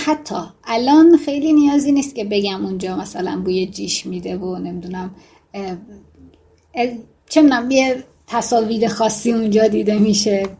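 Chatty woman with a mellow voice. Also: mid-range voice, creaky, slight background noise. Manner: chatty and digressive, with joking asides. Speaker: writing instructor. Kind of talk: casual talk on a fiction writing book.

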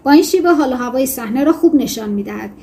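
A woman teaching a lesson on fiction writing, explaining in a conversational way with self-corrections and reading passages aloud in a measured voice. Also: sits high, animated, mellow. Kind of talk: lecture on fiction writing with read-aloud excerpts.

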